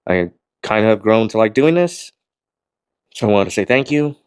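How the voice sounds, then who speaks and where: A man vlogging casually to camera about gym shirts, talking in a rambling, laid-back way, swearing now and then, with a voice he calls monotone. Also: fairly low pitch, normal speed, clean tone, dry recording, studio quality. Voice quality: calls his own voice monotone.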